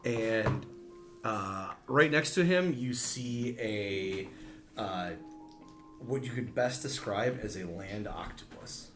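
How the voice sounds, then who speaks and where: Guy at a game table talking slow with lots of pauses, echoey room, a bit of music behind. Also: on the low side, lively intonation, fairly bright tone. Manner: halting, with pauses and fillers. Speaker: player. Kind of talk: narrating his own game character.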